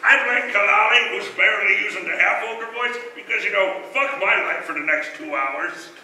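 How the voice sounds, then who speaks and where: Loud boisterous guy joking at a dnd table, sharp bright voice, distant echoey mic. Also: high-pitched, animated, normal speed. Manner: loud, boisterous, mock-indignant. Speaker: panel player in charity tabletop game. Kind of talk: bantering tabletop role-play chat. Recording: echoey room, distant mic, faint noise.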